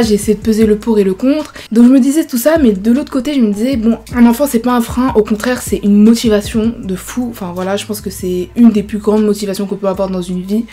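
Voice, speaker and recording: Speaking fast in a medium-pitched, dark voice, a woman in her early twenties chats through her story for a YouTube storytime vlog. She leans heavily on fillers such as "genre" and "voilà."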